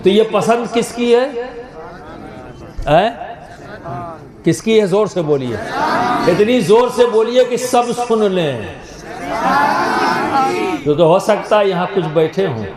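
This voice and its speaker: A man's voice: high-pitched, animated, pauses often. A man preaching a sermon to a large gathering, asking questions and pushing the audience to answer aloud. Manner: rhetorical, coaxes the crowd to answer aloud. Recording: echoey venue with loud crowd.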